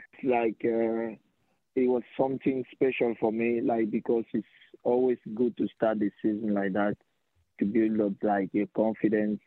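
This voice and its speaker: A man's voice: on the low side, no echo, narrow, tinny audio. A young man in his twenties from Cameroon, a soccer player guest on a podcast, speaking hesitantly with many fillers. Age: 20s. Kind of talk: podcast interview.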